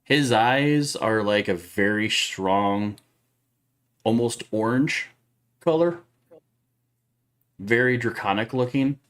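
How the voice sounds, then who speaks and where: A man describing his character's actions during an online tabletop role-playing game, in slow, drawn-out narration. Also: medium pitch, a bit bright. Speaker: player.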